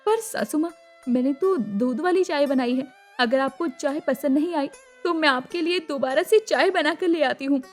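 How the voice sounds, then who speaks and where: A woman's voice: sits high, moderate pace, faint music behind, natural voice. A woman doing a meek pleading young bride. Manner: pleading, timid.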